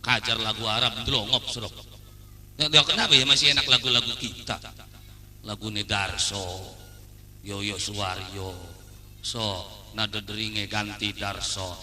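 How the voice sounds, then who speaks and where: A man gives a humorous sermon and slips into voices for the people in his stories. His voice is bright and ringing. It comes over a PA system with a long, echoing reverb. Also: on the low side, fairly even intonation, measured pace, long pauses, a little hiss or hum. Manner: acts out dialogues, sings folk songs. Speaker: preacher. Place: outdoor wedding reception stage.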